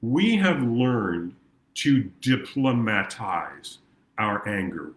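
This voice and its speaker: A man speaking as a coach in an earnest talk to camera, now and then acting out his clients' voices. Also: lowish voice. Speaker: progress coach. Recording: echoey room.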